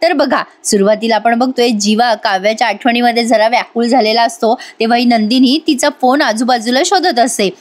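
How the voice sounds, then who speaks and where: A woman telling the story of a TV-serial episode in a voice-over recap, talking straight to her viewers. Her voice sits high and her storytelling is lively. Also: a little fast, few pauses. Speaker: TV serial reviewer.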